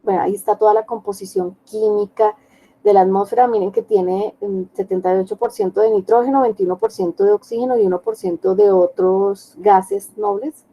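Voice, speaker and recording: A woman's voice: medium pitch, expressive, brisk, gravelly, dark tone, poor audio. A woman teaching an online class, explaining step by step and often checking with her students. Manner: explanatory, checks understanding with questions.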